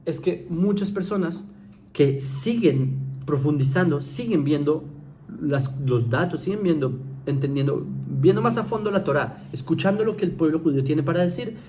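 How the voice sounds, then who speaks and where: With a fairly high, expressive and mellow voice at a moderate pace, a man talks viewers through an informal lecture, a slight hiss or hum in the background. "¿Sí?" comes up again and again as a check-in, alongside fillers, restarted sentences, and mocking mimicry.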